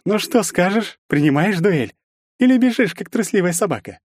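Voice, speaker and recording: A sneering young nobleman, a bully voiced by a man who hisses his mockery in a raised, swooping voice and cracks into shrill outrage. It is an audiobook reading, close and dry, with no room sound. He sounds spoiled and spoiling for a fight. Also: big pitch swings, fairly quick, no echo. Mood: taunting. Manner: hissing, mocking, shrill when shouting. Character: sneering arrogant young aristocrat bully, male.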